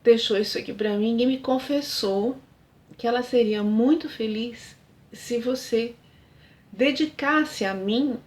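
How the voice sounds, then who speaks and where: A woman voicing a kindly woman who speaks gently and confidingly in a retold story. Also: on the high side, unhurried, natural voice.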